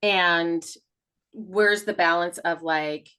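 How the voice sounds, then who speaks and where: Slow and smooth with a lowish voice, this podcast co-host chats in a casual, confessional way. Talkative and candid, she swears freely and brings her retellings to life with acted-out dialogue.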